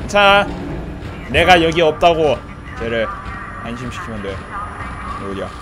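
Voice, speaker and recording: A man with a high, lively voice commentates a horror game, swinging from frantic pleading and yelling at enemies to muttering to himself. His voice sits over loud, blaring game music. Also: unhurried. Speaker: gameplay commentator. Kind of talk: let's play commentary. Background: loud horror game music and sound effects.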